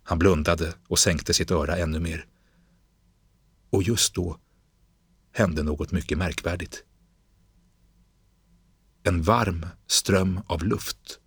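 A man narrates literary fiction in a slow, grave, measured reading. His voice sits extremely low and carries a husky grain. The recording is dry and close, with no room sound. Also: a bit bright, no echo.

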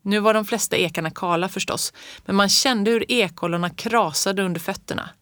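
A woman narrating a children's story in the first person, reading calmly and evenly. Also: mid-range voice, no room sound, studio quality. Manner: calm, even reading. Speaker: audiobook reader.

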